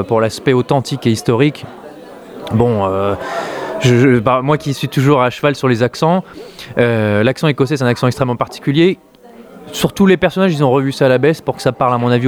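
A man's voice: medium pitch, brisk. A man from France talking casually about a film, hesitant, with many fillers and restarts. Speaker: film critic.

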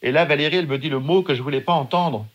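A man's voice: a little high, rapid-fire, lo-fi sound. A middle-aged man from France, telling his own story as a guest with vivid, emphatic delivery. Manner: vivid, emphatic, acts out shouted quotes. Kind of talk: dramatic personal storytelling.

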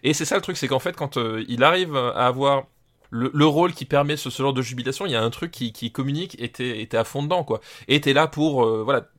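A man's voice: mid-range voice, quick pace, a bit bright. A man co-hosting a podcast, talking in an enthusiastic, slangy, casual way. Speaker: podcast co-host.

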